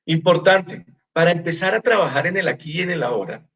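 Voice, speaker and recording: A man with a Colombian accent, a doctor giving an informal wellness lecture, telling patient stories and softly acting out their replies, often repeating words as he searches. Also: fairly high pitch, fairly quick, lo-fi sound. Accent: Colombian Spanish. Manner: animated storyteller, acts out patients' replies softly.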